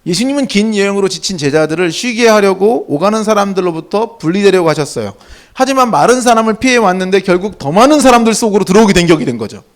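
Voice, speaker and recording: A middle-aged man gives a sermon in a relaxed, talkative manner. His voice sits high for a man, and he tells stories with lively animation. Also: quick pace. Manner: conversational, animated storytelling. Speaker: pastor.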